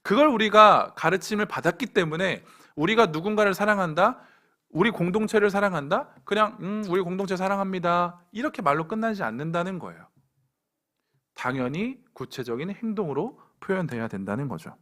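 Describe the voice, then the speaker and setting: A man's voice: sits high, lively intonation, brisk, bright, forceful tone. A young adult man preaching a sermon to a church young adults group, pointed and direct with playful asides. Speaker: pastor.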